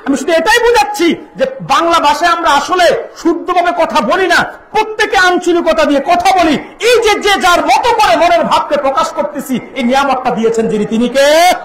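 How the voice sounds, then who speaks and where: A very high-pitched male preacher gives a fiery sermon, firing questions at the crowd and breaking into shouts and chanted verses. His voice rings through an echoey amplified venue. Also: a little hiss or hum. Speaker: Islamic preacher. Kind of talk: impassioned sermon to a large gathering.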